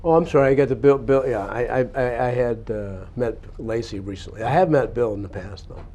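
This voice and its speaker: A man hosting a local TV interview, speaking haltingly with many filler sounds. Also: mid-range voice, warm tone. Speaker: interview host. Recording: dull lo-fi audio.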